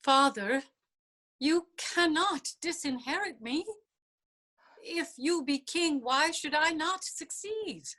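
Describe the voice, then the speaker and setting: A woman's voice: high voice, lively intonation, slow, pushed and bright, exaggerated voice. A woman playing an earnest young prince in a Shakespearean verse drama. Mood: indignant. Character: earnest young prince, loyal to his mother. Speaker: actor in staged reading.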